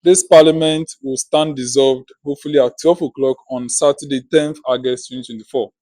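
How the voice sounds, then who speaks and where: A man's voice: medium pitch, steady tone, fairly quick, dark tone, dry recording. A man making a formal, polite and orderly announcement to parliament as one of its members. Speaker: interim MP and outgoing parliament speaker.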